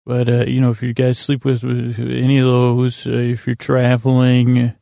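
A middle-aged man hosts a sleep podcast, meandering through a bedtime monologue with halting, self-deprecating, dryly whimsical delivery, frequent pauses and tangents left unfinished. His mid-range voice is monotone, creaky and warm, captured at studio quality with no room sound.

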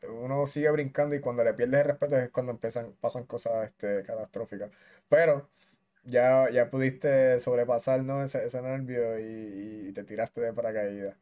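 Man, podcast host, casual, explains terms, middle pitch. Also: fairly even intonation, normal speed, dark tone. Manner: conversational, explains jargon to listeners, frequent affirmations. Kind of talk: casual interview.

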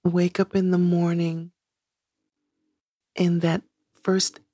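A singer in her sixties, guesting on an interview, speaks reflectively and searches for words, saying "you know" a lot. Her voice is lowish and warm, slow and flat, recorded at studio quality with no room sound.

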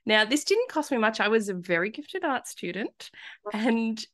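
A woman's voice: fairly high pitch, very animated, normal speed, fairly bright tone. A woman telling a story in a casual podcast chat, laughing often. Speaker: podcast guest.

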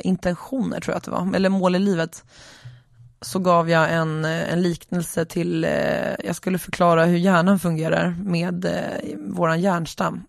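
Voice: medium pitch, creaky, no room sound, clean studio sound. A tired podcast host, lying alone in bed, talking through a reflective, rambling solo monologue with many hesitations.

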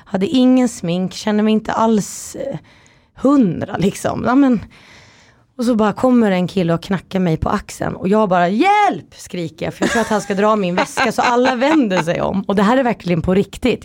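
A woman guest on a chat podcast telling stories in a lively way, acting out quotes. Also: medium pitch, no echo. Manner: lively storytelling, acts out quotes. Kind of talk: casual chat.

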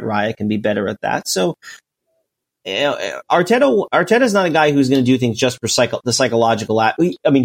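A man co-hosting a casual sports podcast, talking at length with frequent restarts and filler words. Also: medium pitch. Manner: rambling, full of restarts and "you know". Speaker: podcast co-host. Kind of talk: casual chat.

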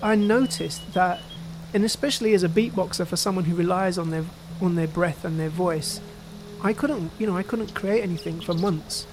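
A man who is a composer and sound artist, speaking in a relaxed, reflective interview with fillers like "you know". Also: high voice, normal speed, music in the background.

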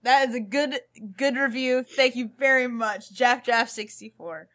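A woman's voice: fairly high pitch, measured pace, a bit bright. A woman co-hosting a tabletop game podcast, reading listener reviews aloud in a playful, laughing way. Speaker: podcast co-host and player.

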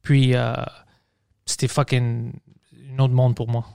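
Un homme qui anime un podcast en conversation détendue, jurant volontiers et glissant des mots anglais dans son français. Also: male voice, medium pitch, little pitch movement, slow, gravelly, mellow, smooth, dry recording, clean studio sound. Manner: casual, swears freely, mixes English words into his French. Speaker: podcast host. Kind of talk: casual conversation.

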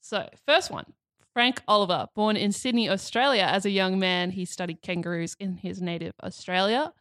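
A woman's voice: mid-range voice, normal speed, a bit bright, no room sound. Woman, podcast co-host, reads aloud, giggles often, dry close sound. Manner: giggly, reads aloud while stifling laughter. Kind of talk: casual chat, reading an article aloud.

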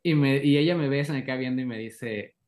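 Man, Mexican accent, podcast guest, animated anecdotes, medium pitch. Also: brisk. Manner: lively anecdote-telling, acts out quoted dialogue. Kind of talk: casual podcast interview.

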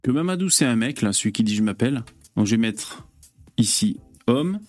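A man's voice: mid-range voice, animated, normal speed, darkish tone, faint music behind. A man hosting a casual live stream, chatting with viewers in a loose, hesitant way with lots of fillers and curse words. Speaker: host.

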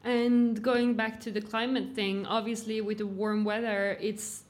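A woman's voice: medium pitch, level tone, unhurried. A woman hosting a live podcast interview, guiding the talk with curious questions. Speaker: podcast host.

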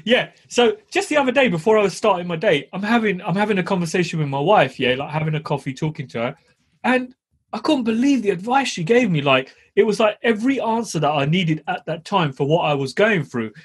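A man's voice: high voice, animated, brisk, husky. A middle-aged man chatting casually as a podcast co-host, blunt and emphatic, with slangy tags and swearing. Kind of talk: casual chat with slangy advice to listeners.

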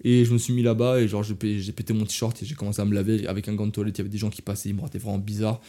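A young Frenchman talks very fast in a mellow, lowish voice with little pitch movement. Telling travel stories on his casual podcast, he wanders off track, restarts and corrects himself, and addresses his audience as "les gars."

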